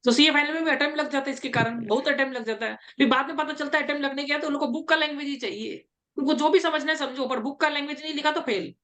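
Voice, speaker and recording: Woman interview coach, fairly high voice, chatty and repetitive. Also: rapid-fire, fairly bright tone. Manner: chatty, repetitive reassurance, mixes English terms into speech. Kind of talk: casual coaching talk.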